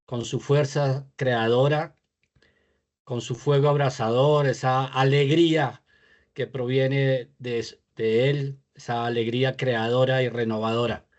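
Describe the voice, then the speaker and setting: A man leading a spoken prayer over a video call, slow and measured, pausing between phrases. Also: medium pitch, fairly even intonation, a little mellow, muffled recording. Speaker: prayer leader.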